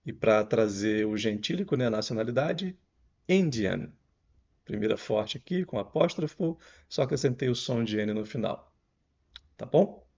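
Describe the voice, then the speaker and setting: A man with a Brazilian Portuguese accent giving a pronunciation lesson, explaining patiently and repeating words slowly with stretched syllables. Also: medium pitch, animated, a little mellow, lo-fi sound. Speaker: English teacher.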